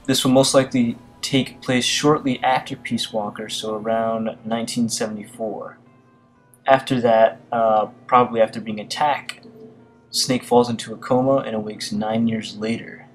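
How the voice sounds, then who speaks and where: Hesitant low-voiced man reading gaming news. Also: rough recording. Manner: hesitant, frequent fillers and restarts. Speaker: gaming video commentator. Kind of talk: casual news commentary, reading articles aloud.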